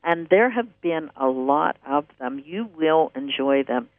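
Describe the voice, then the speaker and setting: A radio host with a slightly high voice and lively intonation chats enthusiastically at a measured pace, rambling as he promotes classes and articles. The casual promotional talk comes through as narrow, dry, phone-like radio audio with no room sound.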